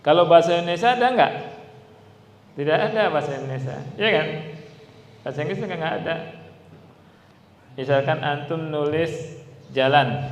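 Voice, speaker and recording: A man's voice: a little high, slight background noise. A man teaching a classroom lesson, who keeps checking with his listeners through rhetorical questions and repeats and stretches example words. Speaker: Arabic teacher. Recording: echoey hall with long reverb.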